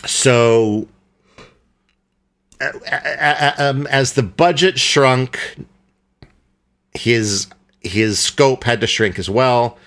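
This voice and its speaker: A man's voice: medium pitch, extremely slow, pauses often, a bit bright. A young adult man co-hosting a podcast, talking casually about a film and often stopping to search for words with fillers and restarts. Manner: rambling, hesitant with many fillers and restarts. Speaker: podcast co-host.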